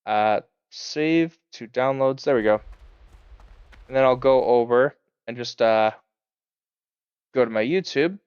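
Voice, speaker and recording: Guy rambling on his game stream, lots of uh and um, smooth voice, kinda muffled dry mic. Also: medium pitch, slow pace, pauses often, darkish tone, no echo. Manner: rambling, many fillers, chuckling asides. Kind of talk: casual live-stream chat while playing.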